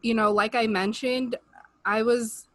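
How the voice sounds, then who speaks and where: Measured and fairly bright, with a voice on the high side and fairly even intonation, a young woman from the United States co-hosts a podcast in casual chat. She speaks earnestly, growing more emotional and saying "like" and "you know" often, through a webcam mic from a room at home, with no echo.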